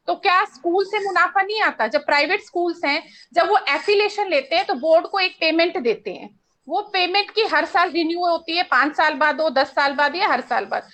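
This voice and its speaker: A woman's voice: very high voice, fairly bright tone. A woman speaking as a panel guest, insistent and argumentative. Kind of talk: panel discussion.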